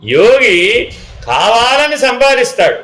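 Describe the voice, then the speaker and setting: A man's voice: very high-pitched, sing-song, slow pace, fairly bright tone, poor audio. A man giving a spiritual discourse, often asking his listeners questions and acting out small dialogues. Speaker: spiritual teacher.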